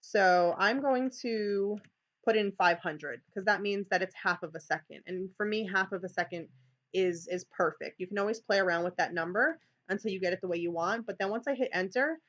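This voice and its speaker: Leading a training session, a New York-accented teacher walks colleagues through a live screen share, chatting and frequently restarting with plenty of "okay"s. Her voice is mid-range, at a normal speed, and fairly bright, but the audio is muffled.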